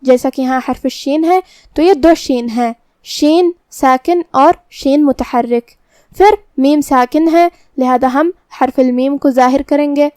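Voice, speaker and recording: A woman teaching Quran recitation, calmly explaining each letter step by step and reciting verses slowly. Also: high voice, dry recording, studio quality. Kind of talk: tajweed lesson with slow recitation.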